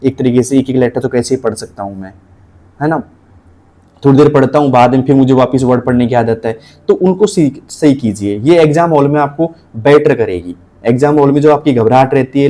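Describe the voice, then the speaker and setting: A man with a Rajasthani Hindi accent, teaching typing in a casual way, repeating points and spelling letters out slowly. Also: mid-range voice, mellow. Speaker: typing tutor.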